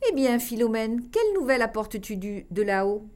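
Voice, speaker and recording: A woman voicing a plump, wise male mullet fish who talks in a gentle, reassuring way. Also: on the high side, very animated, a little fast.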